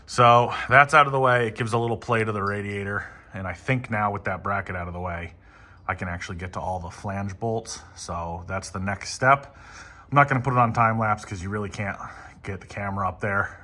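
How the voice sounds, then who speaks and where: A man casually talking through motorcycle work in his garage, relaxed and rambling with many ums. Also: fairly low pitch, fairly quick. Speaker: motorcycle vlogger. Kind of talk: casual how-to narration.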